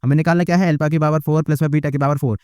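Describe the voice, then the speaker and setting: A man's voice: a little high, fairly even intonation, racing, a little mellow, clear, resonant tone, dry recording, studio quality. A man tutoring a maths problem, chatty, often adding "ठीक है" and "भैया". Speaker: math tutor. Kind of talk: maths lesson walkthrough.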